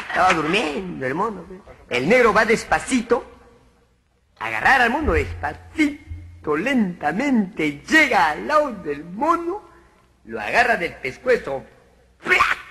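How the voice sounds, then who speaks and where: A male comedian with a Peruvian Spanish accent tells jokes with animated, laughing energy. His voice sits high and bright, and it leaps around in pitch. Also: measured pace, pauses often, slight background noise. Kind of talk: joke telling.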